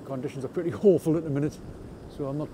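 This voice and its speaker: Speaking very fast with fairly even intonation and a fairly high pitch, a man from North East England chats through his fishing vlog from the rocks at night as wind and rain blow. His manner is understated, chatty and self-deprecating, and faint wind noise runs under the outdoor camera recording.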